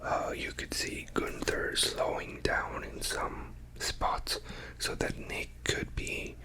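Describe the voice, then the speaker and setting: A person whispering a casual, rambling ASMR chat, hushed and quiet as if late at night, often trailing off between thoughts. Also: low-quality recording. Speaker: ASMR creator talking to followers.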